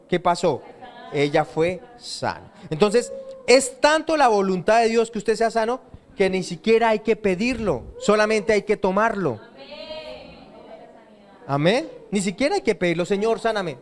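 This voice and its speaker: A high-voiced male pastor delivers a sermon in church. He poses questions to the congregation and then answers them himself.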